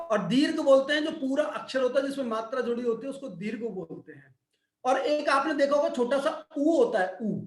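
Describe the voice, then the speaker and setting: A man's voice: very high voice, reverberant. A man who is a yoga and wellness expert answering questions in an online Q&A, explaining patiently like a teacher and checking that listeners follow.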